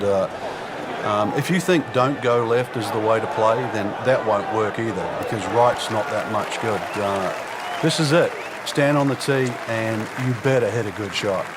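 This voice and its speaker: A man's voice: on the low side, lightly acted. A man giving expert golf commentary as an analyst, in a considered, conversational way. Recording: noisy outdoor crowd behind the voice. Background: crowd and outdoor ambience.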